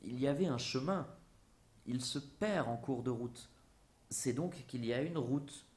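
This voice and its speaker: Man, literary narration, musing, theatrical, unhurried, echoey room. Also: medium pitch, a little mellow. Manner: slow, musing, theatrical reading. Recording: roomy echo.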